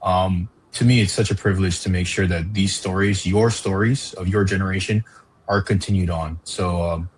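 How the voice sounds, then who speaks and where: A man's voice: low-pitched, steady tone, moderate pace, slight background noise, rough recording. A man from Hawaii, a park educator, talking earnestly as an interview guest with frequent fillers. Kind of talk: casual interview chat.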